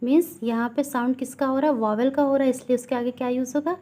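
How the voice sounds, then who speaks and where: A woman teacher with an Indian English accent, reading English lines slowly and explaining them quickly in Hindi, asking questions as she goes. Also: high voice, steady tone, mellow. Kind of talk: classroom grammar lesson.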